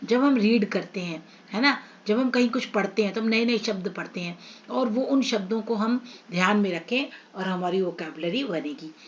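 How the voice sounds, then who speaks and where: A woman's voice: mid-range voice, moderate pace, muffled recording, a little hiss or hum. A woman teaching English to children in an online lesson, asking questions and answering them herself.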